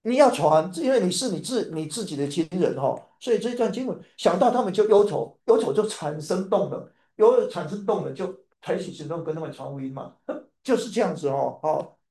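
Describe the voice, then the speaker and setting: Man, from Taiwan, preacher, sermon, animated storytelling, higher voice, echoey room. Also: fairly quick. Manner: animated storytelling, repeats phrases, laughs.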